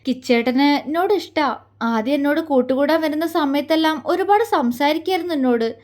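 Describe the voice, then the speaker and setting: A woman voicing a gentle young heroine who speaks softly and haltingly, close to tears, in an audio story. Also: sits high, close to an everyday voice. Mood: reflective. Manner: soft, hesitant, halting.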